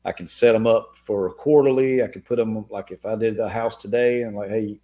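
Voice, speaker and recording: A man's voice: fairly low pitch, fairly even intonation, fairly quick, mellow. A man hosting a casual live Q&A stream, answering viewer comments in a laid-back way and calling listeners man and dude. His voice is wearing thin. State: losing his voice.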